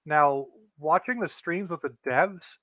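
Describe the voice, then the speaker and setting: Male guest player, slightly higher voice, monotone explainer, dry close sound. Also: slow, no room sound. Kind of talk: casual gameplay explanation.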